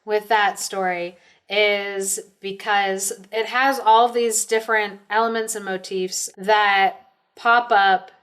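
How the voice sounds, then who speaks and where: A woman's voice: mid-range voice, steady tone, slow pace, fairly bright tone, clean tone. Chatty woman podcast host. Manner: chatty, searching for words. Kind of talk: casual chat.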